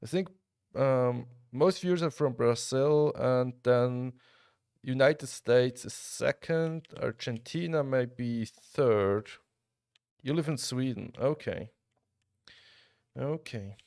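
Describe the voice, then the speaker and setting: A young Swiss streamer chats casually with viewers while gaming live, reacting to the action and frequently restarting sentences. He speaks slowly in a mid-range voice. The audio is studio quality with no room sound.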